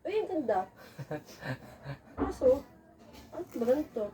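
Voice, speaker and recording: A woman's voice: high voice, animated, a little slow, distant mic. A woman with a Filipino accent, chatting and teasing while sorting clothes. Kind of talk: casual chat. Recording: off-mic with noticeable noise.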